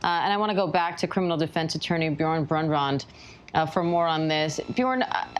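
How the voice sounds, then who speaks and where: Low-voiced woman anchoring trial coverage. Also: a little fast, a little hiss or hum. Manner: steady and explanatory, with occasional restarts. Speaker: news anchor. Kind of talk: live news commentary.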